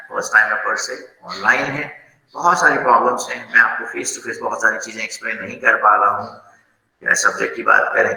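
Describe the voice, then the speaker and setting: Indian guy teaching over a video call, gravelly and bright, roomy echo. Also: on the low side. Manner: mixes Hindi and English, addresses students as beta. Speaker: faculty moderator. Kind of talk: online class feedback.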